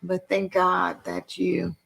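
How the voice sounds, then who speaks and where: A woman's voice: fairly low pitch, monotone, slow, creaky, fairly bright tone. A woman hosting a faith-based interview show, encouraging her guest and quoting scripture. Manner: encouraging, affirming, quotes scripture. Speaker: podcast host.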